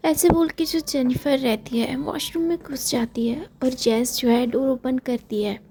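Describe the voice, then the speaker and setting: Indian woman telling a love story, high but mellow voice, lots of fillers. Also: fairly even intonation, unhurried, slight background noise, poor audio. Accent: Hindi-speaking Indian. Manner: repetitive, filler-laden retelling. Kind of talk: casual spoken story narration.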